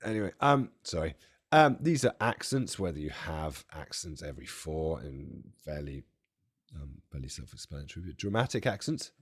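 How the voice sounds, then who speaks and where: A man demonstrating music software from a home studio, his voice strained and close to giving out, chatty and self-deprecating with jokey asides. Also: very deep voice, sing-song, normal speed, husky. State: strained, nearly losing his voice. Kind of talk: casual product walkthrough.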